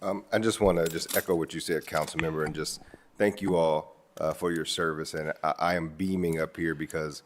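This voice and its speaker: Very deep, flat-voiced man council member. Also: slight background noise. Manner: halting, with many fillers. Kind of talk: unscripted meeting remarks.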